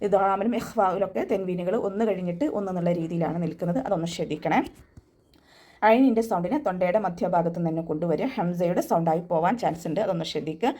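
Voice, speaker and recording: A young woman teaching Quran recitation in an online class, explaining each step patiently and adding gentle reminders. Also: lowish voice, fast. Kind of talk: online tajweed class instruction.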